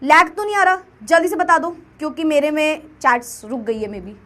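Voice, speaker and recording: A woman's voice: high voice, lively intonation, normal speed, sharp tone, a little hiss or hum. A young woman teaching a live online chemistry class, chatty, repeating herself and checking the chat often.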